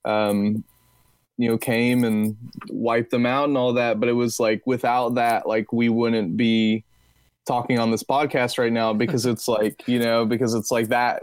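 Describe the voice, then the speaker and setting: A man's voice: medium pitch, clean tone, dry recording. A man in his twenties from Texas, chatting casually on a podcast, rambling with many fillers and restarts. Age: 20s. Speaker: podcast guest.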